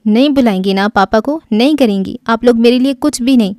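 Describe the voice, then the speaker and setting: A woman voicing a fragile, volatile young man who is crying, pleading and shouting in despair. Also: a little high, dry recording, clean studio sound, close to an everyday voice. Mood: screaming rage. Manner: sobbing, pleading, frantic.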